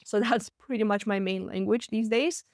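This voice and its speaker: Her mid-range voice has a slightly mellow quality, captured in a dry recording with clean studio sound. The speaker, a late-twenties Latvian woman with a Russian accent, hosts a business podcast alone, telling her personal story candidly in a fast, chatty way and laughing frequently.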